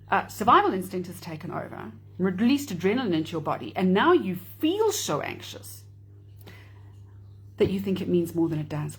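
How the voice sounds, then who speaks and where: Husky woman in chatty talk. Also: on the low side. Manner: chatty, explanatory, wry asides. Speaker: host of a live video talk. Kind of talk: casual talk to camera.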